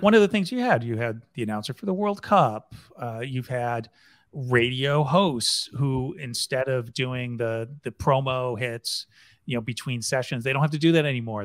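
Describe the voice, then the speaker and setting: A man at a middle pitch hosting a podcast conversation, recorded with a dry, close sound. He talks loosely and conversationally, handing topics to his guests. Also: vocal fry, a bit bright, no room sound. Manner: conversational, steering the discussion with questions. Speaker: podcast host. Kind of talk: casual panel discussion.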